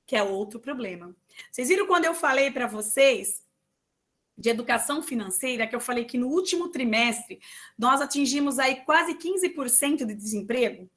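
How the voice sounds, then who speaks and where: Loud, bright-voiced woman teacher. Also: high-pitched. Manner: loud, emphatic, full of "tá?" and "né?" checks. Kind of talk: online exam-prep lesson.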